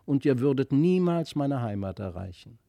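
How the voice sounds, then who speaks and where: A man reading the lines of a mysterious fairy child in a fairy-tale audiobook, softly earnest and wistful. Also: medium pitch, sing-song, moderate pace, creaky, no room sound, pitched above the performer's own voice. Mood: gentle.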